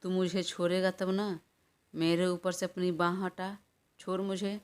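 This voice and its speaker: A woman's voice: fairly low pitch, little pitch movement, measured pace, clear, resonant tone, natural voice. A woman reading an audio story, voicing a stubborn, hot-tempered young woman in a quarrelsome, defiant manner. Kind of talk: audiobook character voice.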